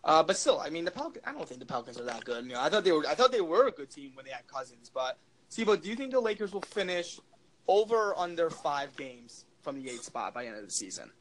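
A man's voice: fairly high pitch, big pitch swings, fast, fairly bright tone, rough recording. Chatty young man hosting a sports podcast. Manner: leads questions, rambling with many fillers. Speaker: podcast host. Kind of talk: casual sports chat.

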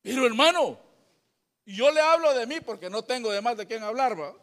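Animated high-voiced preaching man. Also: brisk, long reverb tail. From Honduras. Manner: animated storytelling with acted voices and sound effects; folksy, addresses listeners as brother. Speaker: pastor. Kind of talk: sermon.

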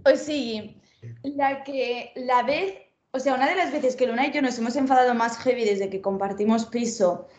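A woman's voice: fairly high pitch, normal speed, darkish tone, roomy sound. A young woman telling a funny story in casual chat, acting out her own quotes.

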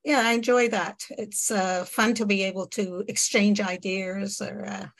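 A woman's voice: mid-range voice, little pitch movement, measured pace, vocal fry, low-quality recording. A woman author chatting casually as an interview guest, laughing often and using many fillers. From Quebec, Canada.

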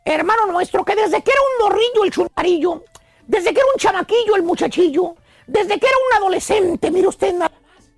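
A man's voice: extremely high pitch, lively intonation, brisk, vocal fry, dry recording. A Mexican man hosting a comic radio show, telling a teasing story with lots of exclamations. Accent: Mexican Spanish.

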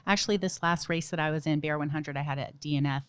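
A woman's voice: low-pitched, fairly even intonation, fast, clear, resonant tone, no echo. Young adult woman, casual storyteller, laughs a lot, dry close recording. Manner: chatty storyteller, laughs often, many "like" and "you know". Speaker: ultramarathon runner and nurse guest. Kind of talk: casual podcast interview.

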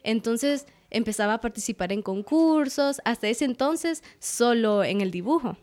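A woman's voice: fairly high pitch, normal speed. A young adult woman, a guest artist, telling her story in a casual interview and acting out her past words. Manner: animated, acts out her own past words.

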